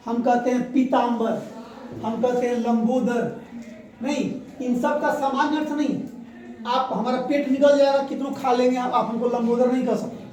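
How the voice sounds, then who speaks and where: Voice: mid-range voice, steady tone, moderate pace, warm tone. A teacher leading a grammar revision lesson, asking the class questions and repeating the key answers. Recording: echoey room, voice from far off.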